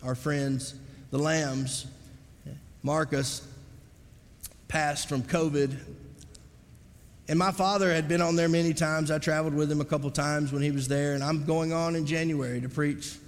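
A man's voice: a little high, fairly even intonation, measured pace, long pauses, in a large hall. A male pastor preaching a sermon, building his points through repeated rising refrains. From Montgomery, Alabama family roots.

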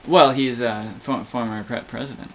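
A man in casual chat, talking haltingly with frequent stammers, restarts and fillers. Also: medium pitch, fairly even intonation.

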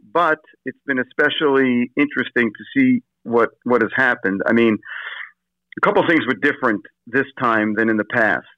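This man, an assistant pastor calling in as an interview guest, has a medium-pitched voice heard over the phone. He hesitates a lot, using many fillers and restarts, and the recording is a dry, dull lo-fi phone line.

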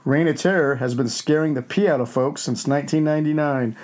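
A man puts on a wolfman hosting a campy horror show. The voice is dark and mellow, a little raised in pitch. He tells gleefully crude tales in a hammy, scripted way. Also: a little fast, lightly acted. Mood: gleeful, ghoulish. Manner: hammy, alliterative, storytelling.

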